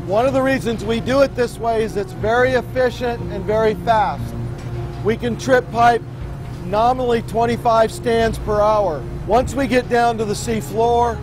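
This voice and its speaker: A middle-aged man giving an informative technical explanation, as a drilling expert on a tour. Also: sits high.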